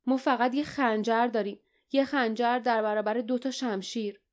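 A woman's voice: on the high side, steady tone, close to an everyday voice. A woman reading an audiobook, voicing a stubborn teenage boy hero with breathless, determined lines. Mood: anxious thoughts.

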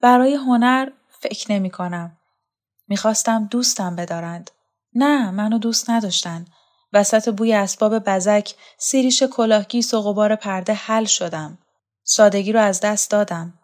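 A weary, bitter former actress pours out her loneliness in a quiet, confessional voice, as a woman narrator reads her lines. She speaks in a storybook telling at an ordinary middle pitch, with no heavy acting. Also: close to an everyday voice. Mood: brooding.

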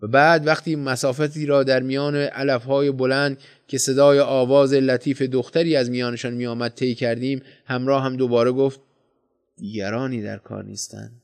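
A man narrates a literary tale in a measured, deliberate reading voice. His pitch sits in an ordinary middle range for a man. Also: flat delivery, smooth. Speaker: audiobook narrator. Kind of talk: scripted story narration.

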